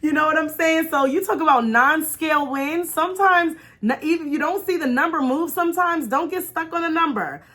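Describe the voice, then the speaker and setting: An American woman vlog host tells a candid, casual storytime in a high, bright, pushed voice, talking briskly with few pauses. Her tone is emphatic, encouraging, and conversational.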